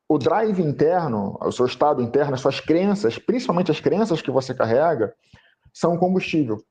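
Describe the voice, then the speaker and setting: Mellow man explaining with car comparisons. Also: a little high. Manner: explains with extended car and phone comparisons, repeats his points. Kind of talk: live panel talk on sales. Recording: dull lo-fi stream audio.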